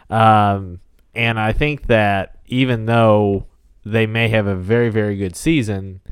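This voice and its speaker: A man's voice: lowish voice, clean tone, no room sound. A man co-hosting a sports podcast in casual chat, hedging and thinking aloud as he goes. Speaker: podcast co-host.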